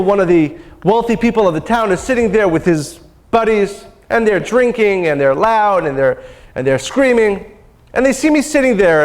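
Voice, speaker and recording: A man teaching a spiritual seminar, telling a story and drawing a lesson, earnest and repeating phrases for emphasis. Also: sits high. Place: lecture hall.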